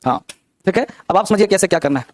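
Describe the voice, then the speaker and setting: Young guy teacher going over grammar, high-ish voice, keeps asking the class questions, dry close sound. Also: animated, fast talker, no room sound. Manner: explains step by step with many rhetorical questions. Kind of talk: classroom lesson.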